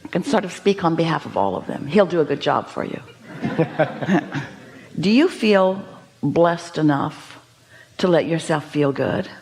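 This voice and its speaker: A woman's voice: sits low, lively intonation, a little slow, long pauses, darkish tone. Woman asking emphatic rhetorical questions. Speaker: inspirational speaker. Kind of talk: seminar teaching to an audience.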